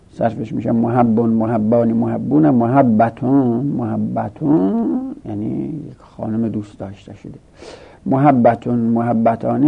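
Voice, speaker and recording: Gravelly man teaching grammar, tinny recording. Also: mid-range voice. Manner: methodical, reciting conjugation tables. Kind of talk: classroom grammar lesson.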